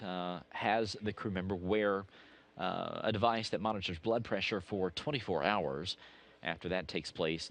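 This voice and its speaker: An American man narrating a status update as a mission control commentator, often pausing mid-sentence with an uh. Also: sits low, a bit bright. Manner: hesitant, frequent uh pauses mid-sentence.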